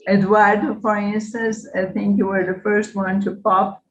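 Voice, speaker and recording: A woman's voice: mid-range voice, little pitch movement, slight background noise. A woman hosting a live video chat, greeting people one by one in a welcoming way. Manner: welcoming, unhurried. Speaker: host. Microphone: video call. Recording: dull lo-fi call audio.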